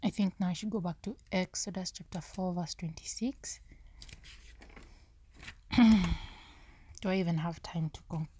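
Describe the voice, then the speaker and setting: A woman hosting a podcast, thinking aloud through a Bible study in a low, half-whispered way, often stopping to correct herself. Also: measured pace, long pauses, dark tone, slightly rough. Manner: searching, self-correcting musing. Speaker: podcast host.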